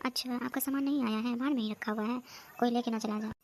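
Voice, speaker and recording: A woman voicing an anxious, hardworking young housewife in a comedy cartoon, talking in hurried, worried chatter. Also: on the high side, fairly even intonation, a little mellow, a little hiss or hum, natural voice. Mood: placating. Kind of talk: cartoon voice acting.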